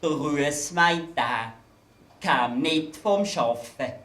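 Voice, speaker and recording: A man's voice: fairly high pitch, very slow, fairly bright tone. A man with a Basel Swiss German accent performing satirical carnival verses on stage. He lands his punchlines in a dry, wry way. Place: event stage in a hangar. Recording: roomy hall echo.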